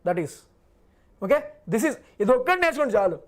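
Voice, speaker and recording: High-voiced man teaching, repeating himself. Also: very animated, normal speed. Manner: repeats himself, asks and answers his own questions; reassuring, coaxing students. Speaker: physics teacher. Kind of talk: live online class.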